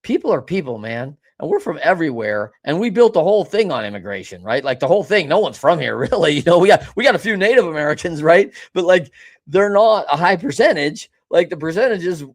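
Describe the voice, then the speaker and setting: A man hosting a podcast interview, chatting casually in an animated, folksy way. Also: on the high side, a little fast. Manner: animated, folksy, talks in asides. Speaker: podcast host.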